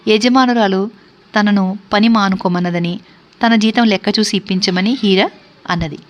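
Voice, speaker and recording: A woman storyteller narrating a classic novel in a steady, measured reading voice. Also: medium pitch.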